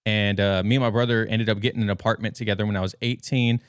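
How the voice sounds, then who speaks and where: A podcast guest in his thirties, an American from the western US, tells stories in an informal, rambling way from his bedroom at home. He's a fast talker with a fairly low, smooth voice and steady tone, recorded dry with studio quality.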